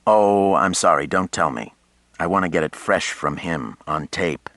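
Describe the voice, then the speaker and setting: A man's voice: deep voice, a little slow, fairly bright tone, no room sound. A man voicing a charming, easygoing journalist of about thirty in an audiobook, wry and teasing. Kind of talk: audiobook character voice.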